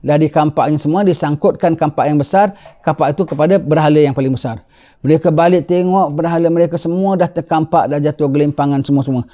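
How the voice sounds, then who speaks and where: A male religious teacher tells a story in a sermon, animated and chatty. He keeps checking in with his listeners with a quick "ha?". His voice sits a bit high, and the recording sounds dull and lo-fi. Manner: animated, tags lines with rhetorical "ha?".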